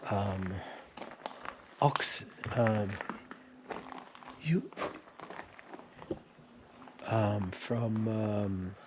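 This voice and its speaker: A man vlogging on his travels, telling a long story with restarts and animated quoted dialogue. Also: on the low side, extremely slow, long pauses, noisy background. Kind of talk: casual storytelling to camera.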